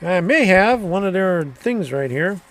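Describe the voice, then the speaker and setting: A man's voice: sits high, lively intonation, unhurried. A middle-aged man hosting a live stream, chatting casually and answering viewer comments, rambling and chuckling between thoughts. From Florida.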